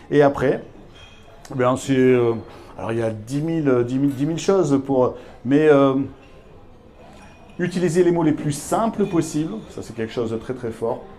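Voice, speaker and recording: A man with a mid-range, dark-toned voice at a normal pace teaches a live masterclass to business leaders on a handheld mic. He's emphatic and repetitive, hammering key words and addressing his audience directly.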